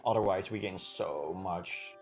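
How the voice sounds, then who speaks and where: A man's voice: low-pitched, a little slow, faint music behind. Lisping man saying th as f. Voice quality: lisp, says th as f. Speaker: player reading game events aloud to chat. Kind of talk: casual gaming commentary with friends.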